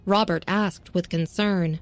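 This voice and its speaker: A woman narrating a serialized audio story in a steady, even reading. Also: on the low side, slow pace, no room sound.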